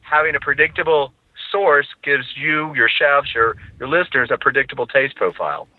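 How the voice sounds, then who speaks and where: A man's voice: medium pitch, moderate pace, no room sound. A man talking as a podcast guest, explaining at length and often restarting his sentences with repeated words. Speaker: charcoal company representative. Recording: tinny phone-line sound, dry.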